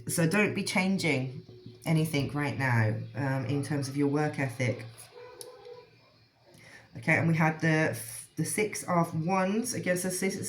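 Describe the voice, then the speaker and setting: A woman giving a rambling, casual tarot reading, full of fillers and restarts, with a frog in her throat. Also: low voice. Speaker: tarot reader.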